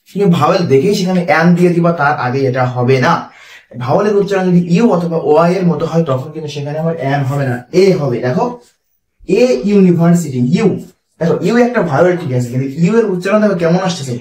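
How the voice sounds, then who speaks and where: A young man tutoring for an exam at a brisk, rushed pace, his voice sitting a bit high for a man. He asks questions and answers them himself, and slows right down to spell out each example. The sound is roomy and echoey, and he is a little far from the mic. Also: a little mellow. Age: young adult. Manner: explains step by step, asks and answers his own questions, reads examples slowly. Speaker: English grammar teacher. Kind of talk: online exam-prep lesson.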